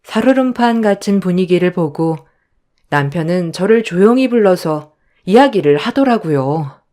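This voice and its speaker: A woman's voice: lowish voice, lively intonation, normal speed, mellow. A woman narrating a first-person family story in a confiding way.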